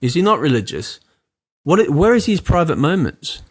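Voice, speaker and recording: A man, talking casually as an interview guest, animated and full of fillers. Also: on the high side, normal speed, slightly rough. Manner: animated, many fillers, acts out quoted lines. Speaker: actor and producer guest.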